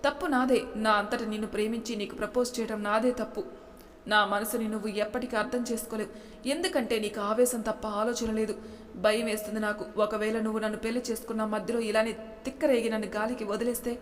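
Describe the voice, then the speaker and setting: A woman's voice: a little high, flat delivery, fast talker, close to an everyday voice. A woman voicing a fiery, hurt young wife who scolds and defies her husband in a storybook reading. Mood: tearful. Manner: scolding, defiant. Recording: long hall reverb.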